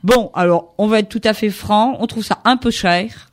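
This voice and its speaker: A radio host leading a lively book chat, who often finishes the guest's sentences. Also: medium pitch, moderate pace.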